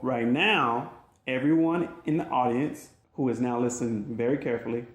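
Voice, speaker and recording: A man's voice: medium pitch, normal speed. A man narrating his own audiobook in an emphatic, dramatic storytelling manner. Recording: roomy echoey recording.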